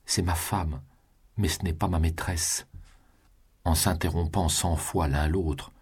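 A man narrating a classic novel in an audiobook, reading in an even, measured way. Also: rumbling low, slightly rough.

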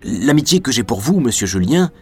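A man's voice: mid-range voice, very animated, a little fast, faint music behind, lightly acted. A man voicing a sly, greedy giant of a jailer who talks in a falsely sweet, fawning way.

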